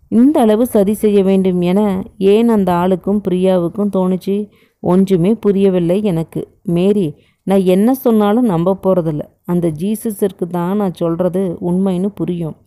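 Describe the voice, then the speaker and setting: A woman narrating a family novel as an audiobook in a steady storytelling way. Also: mid-range voice.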